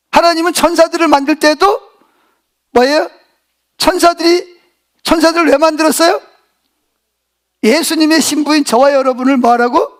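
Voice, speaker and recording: A man's voice: very high voice, a bit bright. A middle-aged male pastor preaching a sermon, folksy and joking, who keeps asking the congregation questions and having them answer back.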